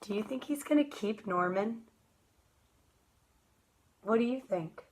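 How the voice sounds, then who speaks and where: At storytime, a woman reads a children's picture book aloud, drawing out her words expressively and asking her young listeners questions. Her voice sits at a medium pitch and moves at a slow pace.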